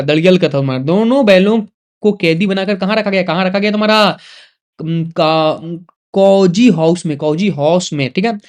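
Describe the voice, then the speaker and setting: A man with a Jharkhand Hindi accent teaching an exam revision lesson, firing off questions and answers, repeating words and teasing students. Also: high-pitched.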